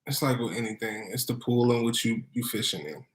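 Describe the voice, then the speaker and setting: An American man with a mid-pitched voice talks in a noticeably echoey room. He chats casually as a co-host, slangy and a little hesitant, circling back over his words. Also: brisk. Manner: hesitant, repeats himself, slangy. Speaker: vlog co-host. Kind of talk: casual chat. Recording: roomy, echoing sound.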